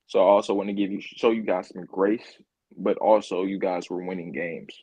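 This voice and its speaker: A man's voice: sits low, steady tone, normal speed, dark tone, husky, no echo, low-quality recording. A man co-hosting a podcast, chatting casually about football, repeating himself and laughing easily. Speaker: podcast co-host. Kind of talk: casual sports chat.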